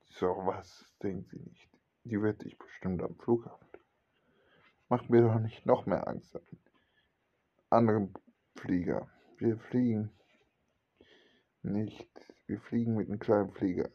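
A man's voice: on the low side, slow, pauses often. A man narrating a homemade radio-play story, switching between narration and the characters' lines without strongly changing his voice. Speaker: hobby storyteller voicing every character. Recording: dull lo-fi home recording.

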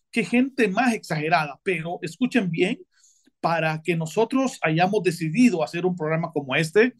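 A man, a guest on a talk show, explaining his view at length with many fillers and repeated tag questions. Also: sits high. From Honduras. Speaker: podcast guest speaker.

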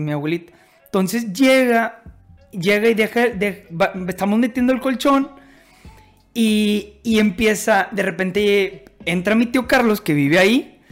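A man with a Mexican Spanish accent telling family anecdotes in a casual podcast chat, animated and rambling, restarting his sentences. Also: sits high, gravelly. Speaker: podcast co-host.

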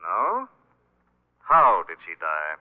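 A man's voice: low voice, wildly swooping pitch, very slow, exaggerated voice. An actor playing a menacing, invisible male avenger with theatrical, mock-courteous threats in 1940s radio style. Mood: probing, accusing. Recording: muffled narrow-band old radio recording.

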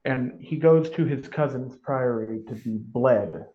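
A man's voice: mid-range voice, a little slow. Enthusiastic man on a dull recording. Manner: enthusiastic, restarts often. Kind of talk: casual chat and reading aloud. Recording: dull lo-fi audio.

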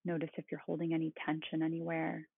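A meditation guide speaking in a calm, meditative tone with a husky, creaky voice. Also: mid-range voice, fast talker. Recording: roomy, phone-like thin sound.

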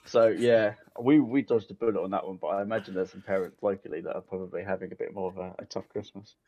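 A man with a fairly low voice tells stories in loose podcast banter. He backtracks, restarts and laughs between phrases. The recording sounds muffled and lo-fi. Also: fairly even intonation, fast. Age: adult, a parent. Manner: rambling, self-correcting, laughs mid-sentence. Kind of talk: casual banter.

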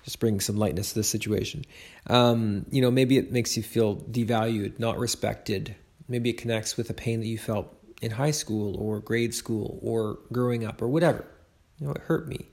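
Gravelly-voiced man giving a faith talk. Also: lowish voice, steady tone, moderate pace, a little mellow. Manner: conversational, with frequent restarts.

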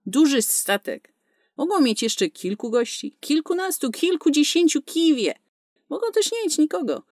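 A woman's voice: high-pitched, very animated, moderate pace, darkish tone, no echo, clean studio sound, pitched above the performer's own voice. A woman voicing a foul-mouthed, sarcastic young female space smuggler in a storybook reading. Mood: brash. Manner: cursing, sarcastic, tough.

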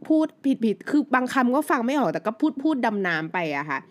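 A woman's voice: fairly high pitch, very animated, a little fast. Woman, thirties, native Thai speaker, podcast host, casual solo chat, rambling, lots of fillers. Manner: chatty, loose and conversational, with many fillers.

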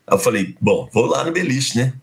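A man's voice: mid-range voice, normal speed, vocal fry. A middle-aged man from Belo Horizonte, telling a personal story in a conversation and acting out the dialogue as he goes. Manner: animated, acts out quoted dialogue. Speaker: guest.

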